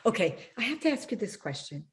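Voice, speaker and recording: A woman's voice: mid-range voice, big pitch swings, quick pace. A woman hosting an interview over a video call, frank and teasing, laughing easily as she pushes back. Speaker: podcast host. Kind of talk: casual interview chat.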